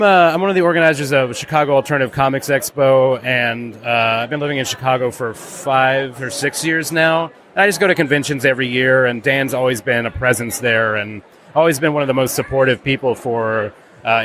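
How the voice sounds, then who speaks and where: A man's voice: mid-range voice, a bit bright. A man answering interview questions casually, rambling with restarts and lots of "like". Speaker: comics creator.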